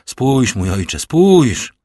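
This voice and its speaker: Guy doing a desperate young fiancé, choked pleading, lowish voice, dry sound. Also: measured pace, no room sound. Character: desperate heartbroken young man, a grieving fiancé.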